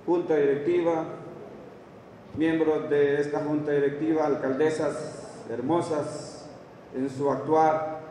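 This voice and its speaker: A Honduran man in his fifties gives a formal speech at a graduation ceremony, standing at a lectern in a large indoor hall. His voice is fairly high, slow and dark with little pitch movement, and the lectern microphone captures it from a distance in an echoey room with a little hiss or hum. He reads long lists of towns and names from a page, adding brief asides.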